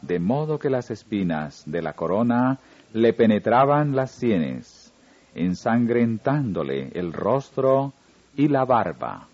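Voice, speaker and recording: A man reading a religious story aloud in a slow, solemn narrating manner. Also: medium pitch, sing-song, a little mellow. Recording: dull lo-fi recording with faint music.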